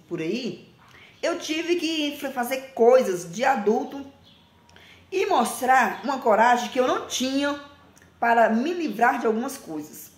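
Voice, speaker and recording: A woman in her forties talking bluntly and emphatically to a phone camera, often ending phrases with a quick question. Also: a little high, reverberant. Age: 40s. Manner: blunt, emphatic, repeats herself, frequent "tá?". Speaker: vlogger. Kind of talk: casual direct-to-camera talk. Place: small indoor room with plain wall.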